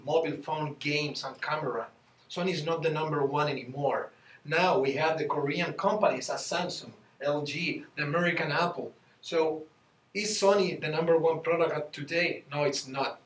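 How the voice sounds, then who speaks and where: A man's voice: on the high side, fairly bright tone. Man, presenting. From Chile. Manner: halting, searching for words. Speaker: student presenter. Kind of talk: team business presentation. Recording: roomy, distant mic.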